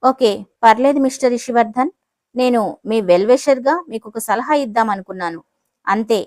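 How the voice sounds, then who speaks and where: A woman's voice: a little high, moderate pace, dry recording, studio quality, natural voice. Woman voicing an indignant angry CEO. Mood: angry, pushy. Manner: loud, indignant. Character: angry, pushy middle-aged company CEO.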